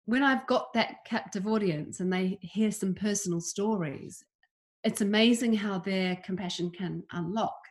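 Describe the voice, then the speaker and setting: Earnest woman from New Zealand. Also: mid-range voice. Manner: earnest, emphatic, with restarts. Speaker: homelessness campaigner, guest. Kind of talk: earnest interview answers.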